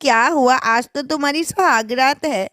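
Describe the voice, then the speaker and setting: A fussy middle-aged mother-in-law, played by a woman who fusses and scolds with sharp exclamations. Her voice is high-pitched and dry, recorded close to the mic. She is bossy but caring toward her new daughter-in-law in this animated story. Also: moderate pace, dry recording. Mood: fussing scolding.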